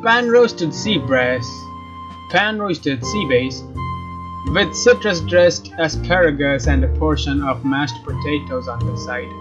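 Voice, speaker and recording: A let's play host reads game narration out loud slowly, his fairly high voice full of lively intonation, casually and now and then going back over a phrase. Guitar game music sits behind the voice on a slightly dull mic.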